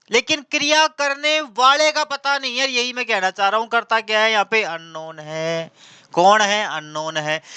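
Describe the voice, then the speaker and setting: Male tutor, exam-prep grammar lesson, clear and smooth voice, dry close mic, repeats every point. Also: high voice, bright, forceful tone, no room sound. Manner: asks questions and answers them himself, with repetition. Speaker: teacher.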